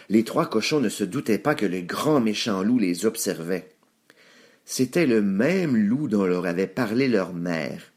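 A man narrating a children's story aloud in an expressive read-aloud manner. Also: fairly low pitch.

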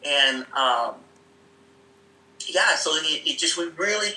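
A Seattle-area guest takes it slowly, his voice on the high side with lively intonation and a bright, forceful tone, as he casually tells rambling stories about growing up. He laughs often, uses many fillers and acts out others' voices, all on a rough, roomy recording.

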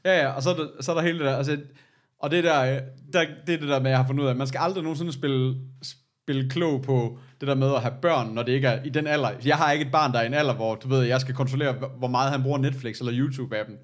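A man's voice: medium pitch, steady tone. A man in a casual podcast chat with a mid-range voice. He talks hesitantly, restarting and repeating words as he works out what he thinks. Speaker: podcast co-host.

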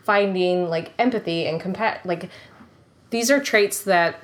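A woman with a somewhat low voice makes an earnest point on a panel, leaning hard on her words and scattering "like" through her sentences. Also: unhurried. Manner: earnest, emphatic, many "like"s. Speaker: panel guest. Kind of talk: casual panel chat.

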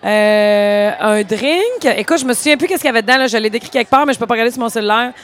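A woman with a Quebec French accent, co-hosting a podcast and telling animated stories in casual chat. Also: a little high, quick pace. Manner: animated storyteller, chatty filler "là". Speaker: podcast co-host.

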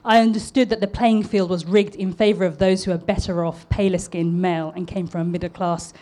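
A woman's voice: lowish voice, fairly even intonation, a little fast, mellow. A woman in her thirties from East London with a polished southern English accent, giving a prepared public talk in an earnest, slightly nervous way with small restarts. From East London, England. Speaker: public speaker and architect.

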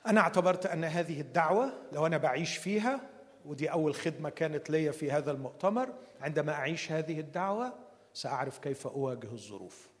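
A man's voice: a little high, animated, fast, long reverb tail. A man with an Egyptian accent preaching a humorous, conversational sermon at a conference. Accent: Egyptian Arabic.

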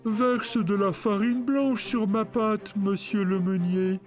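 A man voicing a sly, hungry male wolf who speaks slowly and sweetly to trick young goats. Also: sits high, fairly even intonation, soft background music, pitched above the performer's own voice. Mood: demanding. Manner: slow, sweetly coaxing and menacing.

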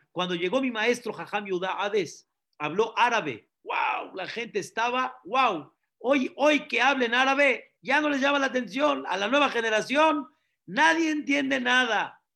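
Man, rabbi, sermon, slow deliberate delivery, bright voice, rhetorical questions. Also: very high voice, creaky. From Mexico. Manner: preaching with repetitions and rhetorical questions.

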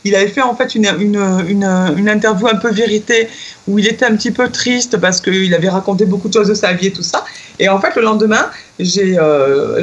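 A middle-aged woman telling a personal anecdote in casual chat, laughing often and acting out the quotes with excitement. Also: medium pitch, lo-fi sound. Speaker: guest telling a personal story.

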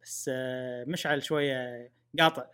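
A man's voice: mid-range voice, steady tone, moderate pace, pushed and bright, clean tone. A man hosting a casual podcast, thinking aloud with hesitant fillers. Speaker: podcast host.

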